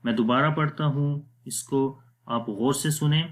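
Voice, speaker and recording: A man's voice: mid-range voice, fairly even intonation. A man teaching Quran reading rules, explaining each step patiently and repeating them plainly. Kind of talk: step-by-step tajweed lesson.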